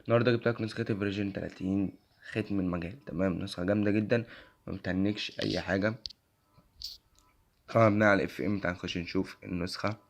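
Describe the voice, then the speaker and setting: A young man with an Egyptian accent and a worn, hoarse voice walks through an app on screen, quickly asking "okay?" after nearly every phrase. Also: low-pitched, fairly even intonation. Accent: Egyptian Arabic. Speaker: tech channel host. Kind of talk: casual screen-recording walkthrough.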